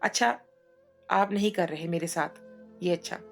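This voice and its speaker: Young wife in a storybook, gentle and wounded, voiced by a woman. Gravelly, lowish. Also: measured pace, soft background music. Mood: hurt. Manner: pleading, hurt.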